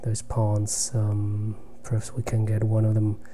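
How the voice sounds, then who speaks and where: This quiet, lowish, monotone voice belongs to a man, German by first language, commentating his own blitz chess game online as he plays. He reasons aloud in halting fashion and nearly whispers when calculating, and a little hiss or hum runs under the audio.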